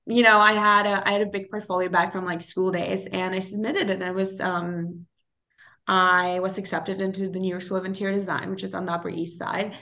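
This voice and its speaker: A woman in her twenties, by birth, tells her story in relaxed conversation. She laughs easily and often restarts her sentences, filling gaps with small hesitations. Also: medium pitch, fairly quick. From Germany (Berlin). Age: 20s. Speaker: guest, interior designer. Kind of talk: casual interview conversation.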